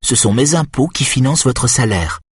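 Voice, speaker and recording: A man reading an audiobook, voicing a furious red-haired woman who shouts at intruders in her home, with a husky, indignant voice. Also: mid-range voice, expressive, moderate pace, dry recording, clean studio sound, pitched above the performer's own voice. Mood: curt, cold.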